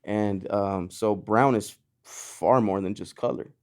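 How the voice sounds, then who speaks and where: Slow and low, this man's voice has a darkish yet clean tone. Born in Mexico, he founded a clothing brand and is on a podcast as a guest, talking in a loose, rambling chat full of fillers like "you know" and "like," with many restarts.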